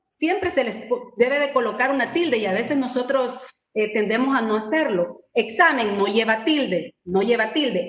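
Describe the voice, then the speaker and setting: A woman's voice: a little high, fairly bright tone, roomy sound. A woman teaching a spelling and grammar lesson over a video call, explaining patiently and checking in with her class. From El Salvador. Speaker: writing and spelling instructor. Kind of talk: online training lesson.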